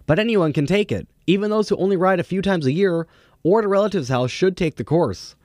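A man's voice: high voice, expressive, a little fast, a little mellow, no room sound, clean studio sound. A man anchoring a radio newscast, reading from a script.

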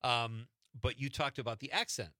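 A man's voice: mid-range voice, normal speed, bright, forceful tone, dry recording, studio quality. A man hosting a casual, conversational interview. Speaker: show host interviewing a guest.

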